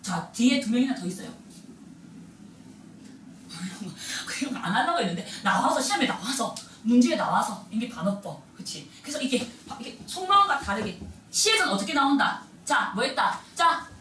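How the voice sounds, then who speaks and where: A woman teacher giving a lively classroom lecture and talking straight to her students. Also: a little high, moderate pace, a little hiss or hum. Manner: animated, addresses students directly. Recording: echoey room, mic at a distance.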